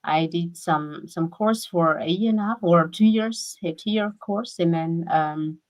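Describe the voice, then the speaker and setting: A woman speaks over a video call with a somewhat low voice. She talks haltingly, restarting her phrases again and again as she chats. She is a guest in a relaxed conversation. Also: rough recording. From Kenya. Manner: halting, with many repeated restarts. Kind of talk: casual conversation.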